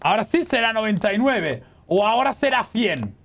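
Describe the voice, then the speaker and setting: A high, very lively male voice, bouncing between wide pitch swings as he comments on a horror game. He chats loosely with his stream audience and bursts into yelps and curses whenever something jumps out at him. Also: normal speed, a little hiss or hum. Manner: excitable, swears and shrieks at scares, talks to chat. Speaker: gaming streamer. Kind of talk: casual let's-play commentary.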